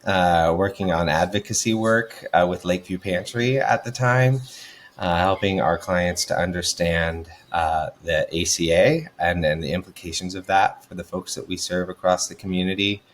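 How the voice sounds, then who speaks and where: A man answering interview questions about his career in a measured way, often pausing on uhs. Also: low voice, slight background noise. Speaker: nonprofit development officer, guest.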